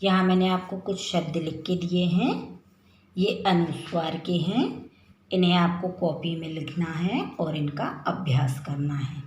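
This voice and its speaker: A woman teacher giving a children's lesson, drawing words out slowly in a sing-song drill. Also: on the low side. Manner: slow, drawn-out, sing-song word drilling. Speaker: primary school teacher. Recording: very echoey room with faint noise.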